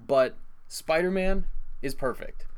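A man's voice: a little high, slow, smooth. Crude, sarcastic young man riffing. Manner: crude, sarcastic, swears freely. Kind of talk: casual movie chat.

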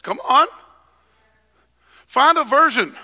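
High-voiced preacher at a pulpit microphone. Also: male voice, lively intonation, takes it slowly, sharp tone. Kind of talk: sermon. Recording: long hall reverb.

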